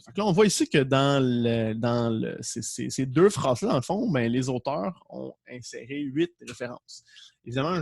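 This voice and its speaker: A man with a Québécois French accent teaches an online class from a home setup with a green screen. His voice carries a gravelly, creaky edge over a dry, close sound. He talks loosely, jokes around and keeps restarting his words. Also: mid-range voice, a little mellow, dry recording. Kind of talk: casual online class lecture.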